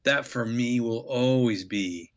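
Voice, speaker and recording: A man in his fifties from Nebraska, a podcast guest telling a travel story with animated enthusiasm. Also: medium pitch, slow, highs cut off. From Nebraska, USA. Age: 50s. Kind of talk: storytelling interview.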